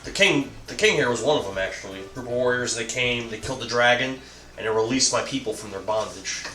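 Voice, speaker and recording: A man's voice: medium pitch, quick pace, bright, forceful tone, distant mic, close to an everyday voice. A man voicing a plain-spoken orc warrior in a tabletop role-play, in a roomy recording with music. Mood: earnest. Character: plain-spoken male orc warrior, world-weary gambler.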